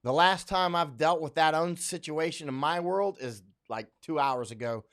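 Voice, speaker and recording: Man, from Florida, casual livestream host, slightly high voice, rambling, restarts a lot. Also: moderate pace, a bit bright. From Central Florida, USA. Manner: rambling, with many fillers and restarts. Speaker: host answering viewer comments. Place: home in Thailand.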